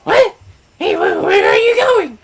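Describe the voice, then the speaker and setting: Childish video game boy, extremely high pitch, animated, gravelly fry. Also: moderate pace, heavily acted. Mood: excited.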